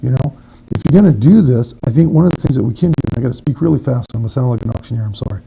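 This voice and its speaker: A man's voice: mid-range voice, lively intonation, racing, creaky, warm tone, a little hiss or hum, rough recording. A man running for city council, answering a forum question in a folksy way with homespun analogies. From northern Maine.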